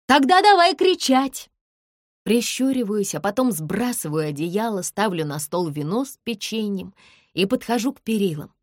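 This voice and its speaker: Woman audiobook narrator, expressive, mid-pitched, dry close sound, first-person story. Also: normal speed, no room sound.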